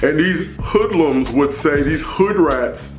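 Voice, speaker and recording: A man's voice: on the high side, animated, slow, echoey room, soft background music. A man giving an emphatic, preachy opinion monologue, repeating phrases for stress. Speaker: commentary vlogger.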